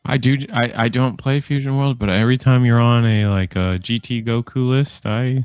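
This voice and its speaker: A man co-commentating a live card game tournament in a chatty way, full of quick interjections and agreement. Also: mid-range voice, fairly even intonation, darkish tone, clean tone, no echo, soft background music.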